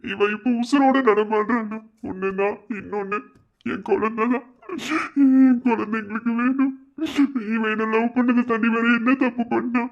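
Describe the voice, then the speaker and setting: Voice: mid-range voice, lo-fi sound, close to an everyday voice. A voice actor playing a young husband and father who earnestly prays for his sick child, full of guilt. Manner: earnest, praying to God.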